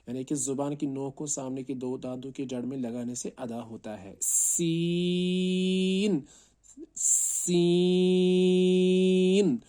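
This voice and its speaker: Man teaching recitation, warm and even, paces through each letter with check-ins. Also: mid-range voice. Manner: explains slowly, then calls out each letter long and loud; often checks in with "right?". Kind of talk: teaching Arabic letter pronunciation.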